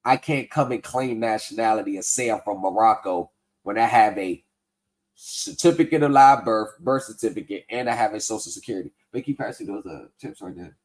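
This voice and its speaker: Over poor audio, a man with a fairly low voice speaks fairly quickly on his livestream. He reads tax form text aloud and conversationally, skeptically breaks down bad advice in his scam-debunking commentary.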